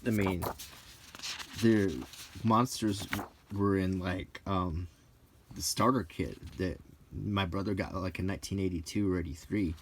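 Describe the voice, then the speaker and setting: Browsing game books on camera, this middle-aged vlogger talks off the cuff, drifting into nostalgia and gentle complaints in a way that turns into unintentional ASMR. He speaks in a deep, fairly level voice at a measured pace, pausing often, with a little background noise.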